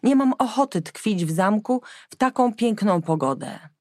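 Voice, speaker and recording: A woman's voice: animated, normal speed, a little mellow, no room sound, clean studio sound, close to an everyday voice. A woman voicing a young, defiant king's daughter. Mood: annoyed. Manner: higher, pleading, sometimes breathy whispering. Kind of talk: audiobook character voice.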